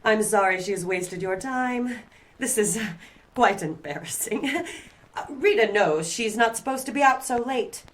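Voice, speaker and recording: A woman plays a wealthy, haughty middle-aged society mother in an audio drama, sounding formal, genteel, condescending and proper. She comes across as dismissive and embarrassed. Her voice is on the high side with lively intonation, and she speaks a little slowly.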